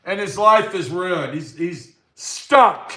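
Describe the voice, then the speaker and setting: A man's voice: sits high, animated, slow, pushed and bright, echoey room. A man in his sixties hosting his own channel, talking bluntly to camera in a profane, preachy monologue. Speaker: YouTube channel host.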